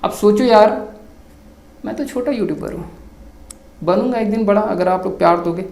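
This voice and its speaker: A man's voice: sits high, normal speed, gravelly, a little mellow. A man, a YouTuber, talking casually to his viewers and answering their comments, mixing Hindi and English and keeping up a stream of yaar and bhai. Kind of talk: casual talk to camera. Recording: echoey room.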